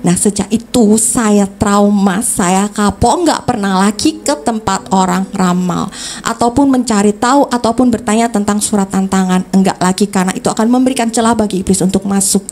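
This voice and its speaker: A woman's voice: mid-range voice, normal speed, darkish tone, a little hiss or hum. A woman giving an earnest personal testimony in church, acting out past conversations as she tells her story.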